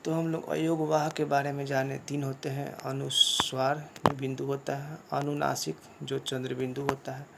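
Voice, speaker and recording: A man teaching a grammar lesson, explaining slowly and repeating points, often asking a question and then answering it himself. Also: mid-range voice, level tone, gravelly, noisy background. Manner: slow, repetitive explaining with rhetorical questions. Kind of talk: classroom lesson.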